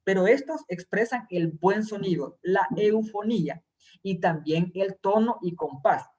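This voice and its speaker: A man's voice: high voice, a little slow, a little mellow. A man teaching a recorded Hebrew grammar class, explaining terms patiently and reassuring his students.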